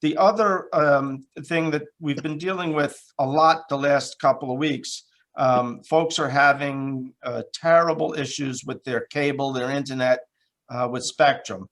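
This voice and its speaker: A man of middle pitch chairs a town board meeting over a video call. He speaks in a plain, unpolished way, pausing often with fillers as he works through announcements. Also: steady tone, fairly bright tone. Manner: plain, halting, many fillers. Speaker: town supervisor.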